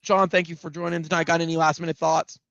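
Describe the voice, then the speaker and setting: A man hosts a loose, joking sports chat from home, his voice pitched a little high with a gravelly fry. The sound comes over a video call, dry and somewhat muffled. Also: little pitch movement, fast, fairly bright tone, no room sound. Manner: loose, joking, wraps up the show. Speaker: podcast host.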